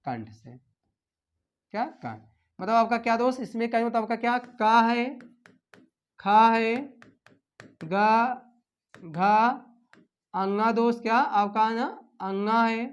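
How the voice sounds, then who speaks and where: A woman with a slightly high voice leads an exam-prep lesson. She questions her students and repeats each answer back as a drill, her phrases trailing off quietly at the ends. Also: slow, pauses often, clean tone, highs cut off. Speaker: Hindi teacher.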